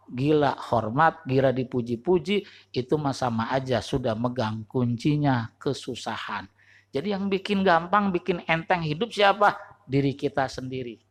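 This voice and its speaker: A male Islamic preacher, giving a sermon at a mosque in a lively, joking, self-mocking way, jumping between high emphatic lines and low quiet ones.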